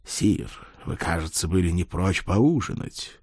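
A man's voice: low-pitched, animated, a little slow, darkish tone, husky, no room sound, heavily acted. Male reader as an old crusader servant: loyal, dry, deferential. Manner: respectful, dry, addresses master as sire.

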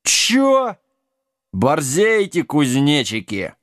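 Man doing a hoarse dim-witted giant. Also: a little high, huge pitch swings, drawn-out words, fairly bright tone, no echo, clean studio sound, full character voice. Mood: gruff. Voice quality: hoarse, muffled. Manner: coarse, slangy, touchy. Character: huge dim-witted rough male giant.

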